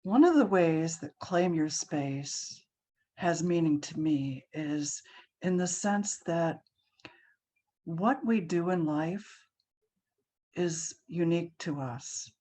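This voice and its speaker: Woman meditation guide, low pitch, unhurried calm delivery. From Hawaii. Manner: slow, soft and soothing, with frequent ums. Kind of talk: guided relaxation class.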